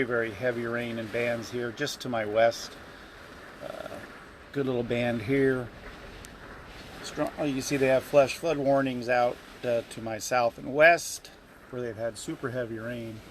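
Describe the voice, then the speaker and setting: A man talks through the weather in a casual vlog style from inside an RV. He is slow and halting, thinking aloud between phrases, with clear background noise behind him. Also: medium pitch, poor audio. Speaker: amateur storm watcher. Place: inside an RV during a storm.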